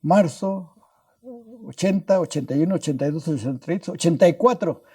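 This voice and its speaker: The older guest scientist talks fairly quickly in a slightly high, mellow voice with a Mexican Spanish accent. Telling stories in a podcast interview, he restarts words and tags his sentences with questions.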